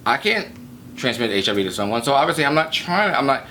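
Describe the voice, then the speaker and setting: A man speaking as a guest in a casual interview, playful and animated, jumping into high exclamations. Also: quick pace, a little hiss or hum. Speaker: guest from an HIV advocacy group.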